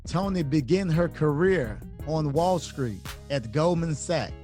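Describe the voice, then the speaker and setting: Enthusiastic male host, slightly high voice, faint music under him. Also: expressive, unhurried, darkish tone. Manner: enthusiastic, frequent short affirmations. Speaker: podcast host. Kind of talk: podcast interview.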